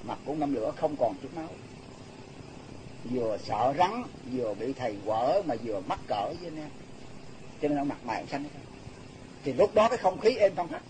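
A man's voice: mid-range voice, lively intonation, fairly quick, long pauses, background noise. A man retelling religious anecdotes in a casual, repetitive oral storytelling manner. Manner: casual, repetitive retelling with restarts and acted quotes.

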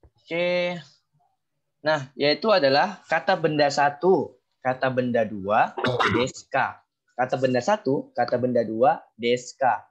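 A man teaching an online language class, prompting students and explaining grammar in a relaxed, encouraging way. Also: medium pitch, slow pace, lo-fi sound.

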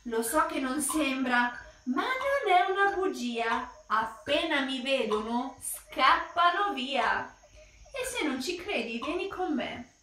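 A woman voicing a small clever male mouse in a storybook reading, bright and cheeky. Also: high voice, lively intonation, slow, a little hiss or hum, heavily acted. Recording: roomy echo from a distant mic.

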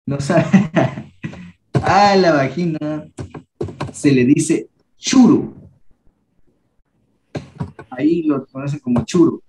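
Unhurried young male language teacher, echoey. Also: on the high side, a little mellow, a little hiss or hum. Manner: patient, repeats each word slowly for pronunciation. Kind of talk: teaching a class.

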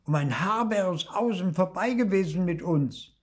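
A man's voice: high voice, expressive, normal speed, slightly rough, voice pushed up. An older man reading aloud and voicing a bold, sensible young ghost girl. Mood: brisk.

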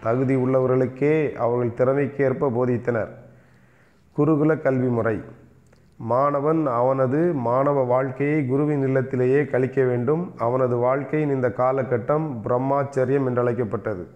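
A man teaching an exam revision lecture, reading notes aloud and slowly repeating the key terms. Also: mid-range voice, fairly even intonation, highs cut off.

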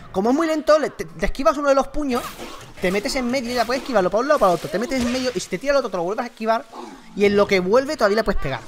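A young man with a Spain Spanish accent giving excitable, slangy live commentary while playing a fighting game and chatting to his viewers. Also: high-pitched. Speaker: gaming YouTuber. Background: game music.

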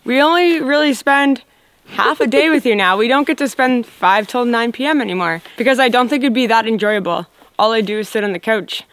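A woman's voice: on the high side, brisk, a bit bright, no room sound. A woman in her thirties chatting to viewers outdoors in a wooded yard, filming herself at arm's length and laughing often. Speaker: vlogger. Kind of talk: casual vlog narration. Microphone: handheld camera at arm's length.

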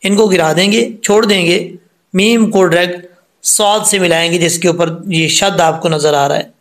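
A man teaching Quran pronunciation, patiently explaining each mistake step by step and then reciting the verses slowly in a chanted voice. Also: high voice, fairly bright tone. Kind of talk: tajweed lesson with slow chanted recitation.

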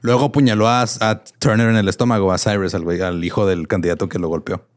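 A man's voice: fairly low pitch, steady tone, quick pace. A man with a Mexican Spanish accent co-hosting a casual comedy history podcast, reading quotes aloud and laughing often. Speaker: podcast co-host telling a history story.

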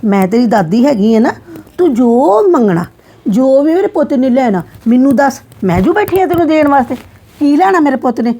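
A middle-aged woman playing a soft-hearted grandmother who placates her daughter-in-law and dotes on her granddaughter. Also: sits high, big pitch swings, moderate pace, breathy edge, heavily acted. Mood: soothing. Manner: soothing, placating, affectionate. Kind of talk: scripted family drama.

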